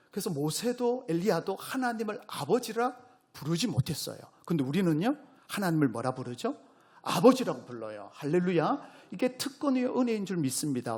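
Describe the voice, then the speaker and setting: A male pastor with a Gyeongsang accent preaching a sermon, questioning his congregation and rising to loud exclamations. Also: fairly high pitch, breathy edge. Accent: Gyeongsang Korean. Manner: call-and-response preaching, asks the congregation questions.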